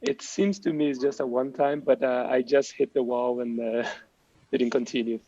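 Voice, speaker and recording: Gravelly man on dull lo-fi call audio. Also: mid-range voice, steady tone, normal speed, mellow, dry recording. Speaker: meeting participant. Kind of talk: casual technical meeting talk.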